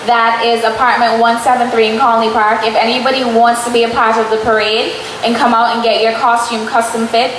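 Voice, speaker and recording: Young West Indian woman, twenties, higher voice, upbeat and persuasive; echoey room. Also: brisk, a little hiss or hum. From Caribbean. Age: 20s. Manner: lively, proud and persuasive. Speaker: guest, student event organizer. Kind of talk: casual interview.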